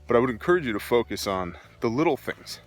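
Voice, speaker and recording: A middle-aged man talking casually to viewers as a folksy gun enthusiast and preparedness host, making emphatic points in short deliberate phrases. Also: mid-range voice, lively intonation, soft background music. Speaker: homesteading and preparedness video host. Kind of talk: casual off-the-cuff vlog talk to viewers. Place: outdoors, walking on own rural land.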